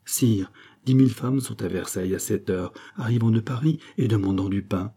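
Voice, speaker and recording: A man's voice: on the low side, normal speed, dark tone, husky. A man playing a loyal, respectful courtier. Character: loyal male courtier bringing news.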